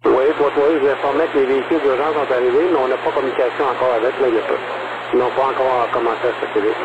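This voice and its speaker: Quebec french guy air traffic controller, talks quick, muffled radio. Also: medium pitch, steady tone. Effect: aviation radio. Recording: noisy, muffled aviation radio.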